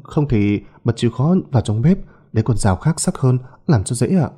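A man's voice: mid-range voice, lively intonation, moderate pace, dark tone, husky. A man voicing a timid young maidservant girl who stammers and pleads. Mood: nervous pleading.

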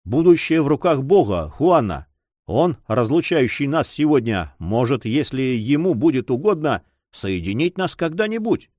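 A man's voice: medium pitch, sing-song, normal speed, darkish tone, dry recording, studio quality. A man reading an earnest young nobleman in love in an audiobook, tender and agitated. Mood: ardent.

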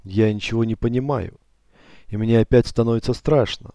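A man reading the lines of a tearful young mother in an audiobook, softly and hushed. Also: mid-range voice, normal speed, no echo, natural voice. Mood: frightened.

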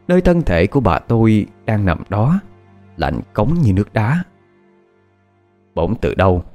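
Expressive Southern Vietnamese male storyteller. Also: fairly low pitch. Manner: expressive, dramatic. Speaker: narrator. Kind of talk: storytelling, horror tale.

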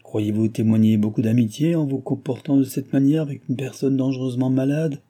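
A man's voice: mid-range voice, fairly even intonation, a little fast, mellow, lightly acted. A man voicing a stern male doctor who admonishes a young woman. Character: stern kindly male doctor, older, growing impatient.

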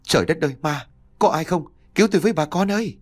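A man voicing a frightened elderly husband in a village ghost story, at times shouting in panic. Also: lowish voice, expressive, fast talker. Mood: terrified screaming.

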